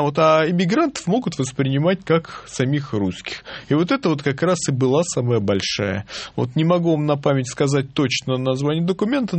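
A man speaking as a historian guest on a radio interview, halting and full of fillers. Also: medium pitch, husky, no room sound.

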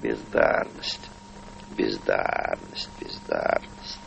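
A gravelly, embittered old playwright. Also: male voice, mid-range voice, sing-song, unhurried, slight background noise, full character voice, low-quality recording. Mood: contemptuous. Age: older. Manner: lurches from broken whispers to furious shouting. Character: aging, gray-haired, embittered male playwright. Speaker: lead actor in a stage play. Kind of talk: theatrical stage acting.

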